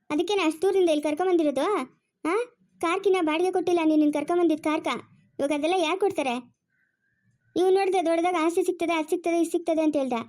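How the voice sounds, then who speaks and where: A woman voicing a scheming, greedy middle-aged father in a cartoon, rough and taunting. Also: very high voice, darkish tone. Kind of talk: cartoon voice acting.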